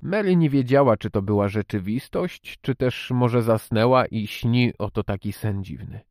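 A man narrating a classic children's novel in a slow, measured storytelling manner. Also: medium pitch, a little mellow, no room sound, studio quality. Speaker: audiobook narrator. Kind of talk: scripted narration.

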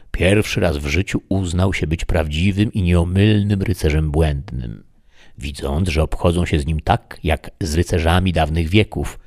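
A man narrating a classic novel as an audiobook in a measured, storytelling way. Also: deep voice, dry recording, studio quality.

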